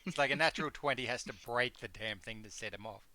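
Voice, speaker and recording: Blunt guy at a d&d table, quick talker, bright forceful tone. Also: medium pitch, no echo. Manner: blunt, swears casually. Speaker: tabletop game player. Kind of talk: casual game table chat.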